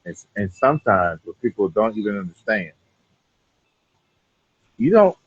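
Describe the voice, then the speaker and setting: A man with a deep, husky voice talks in a loose, conversational interview style. He rambles a little and keeps checking that he is understood. The audio is slightly dull and muffled. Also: no room sound. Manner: rambling, repeats "you know what I'm saying". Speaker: cigar brand owner being interviewed.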